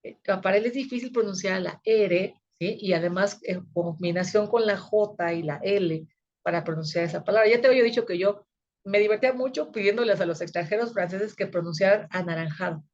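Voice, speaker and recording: A woman's voice: mid-range voice, fairly quick, darkish tone, muffled recording. Chatty woman teaching. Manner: conversational, frequent checking tags. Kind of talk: recorded video lecture.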